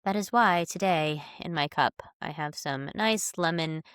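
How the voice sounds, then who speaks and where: Low, smooth-voiced woman with a stuffy nose. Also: unhurried, no room sound, clean studio sound. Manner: chatty, animated storytelling. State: nasal from a cold. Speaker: podcast co-host. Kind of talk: casual sports chat.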